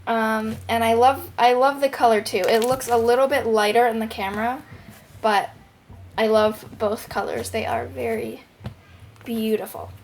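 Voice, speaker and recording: A young woman giving a casual, excited product review as a show host, recorded at home through a headphone microphone. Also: fairly high pitch, normal speed. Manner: excited, gushing. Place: bedroom at home. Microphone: headphones used as microphone. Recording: headphone mic with clear background noise.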